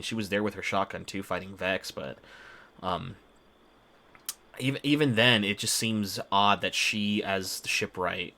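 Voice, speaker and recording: Bright, low-voiced man rambling over a game. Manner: rambling, halting, earnest. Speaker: gamer reacting to game story. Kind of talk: casual gameplay commentary.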